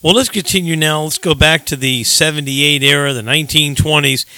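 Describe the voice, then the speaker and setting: A man hosting a radio program and introducing old records in a casual, unhurried way with filler ums. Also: a little high, sharp tone, clear, resonant tone. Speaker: radio host.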